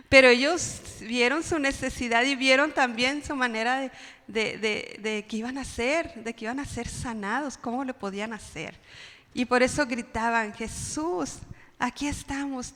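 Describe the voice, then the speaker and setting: A woman preacher gives a sermon in a church, her voice fairly high and trailing into a long hall reverb. She crics out the pleas she quotes and keeps asking her listeners questions. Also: fairly bright tone. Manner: dramatic cries when quoting pleas, rhetorical questions. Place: church sanctuary.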